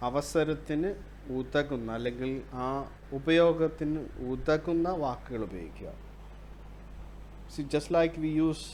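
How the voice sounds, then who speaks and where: Man lecturing super slowly, flips into malayalam a lot, faint noise behind. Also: fairly high pitch, a little mellow. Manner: slow, deliberate, switches between English and Malayalam; explains through repeated examples. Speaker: university lecturer. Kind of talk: recorded bilingual lecture.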